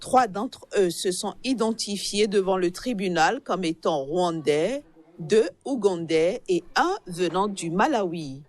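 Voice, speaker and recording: A woman reading a news report with a measured, formal delivery. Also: fairly low pitch, expressive. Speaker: news reader.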